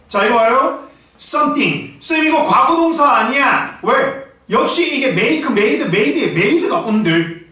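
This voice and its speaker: High-pitched, lively middle-aged tutor, Gyeongsang accent. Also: male voice. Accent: Gyeongsang Korean. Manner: blunt, rough slang, constant rhetorical questions to students. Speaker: English tutor. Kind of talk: exam-prep lecture. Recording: echoey room, mic set at a distance.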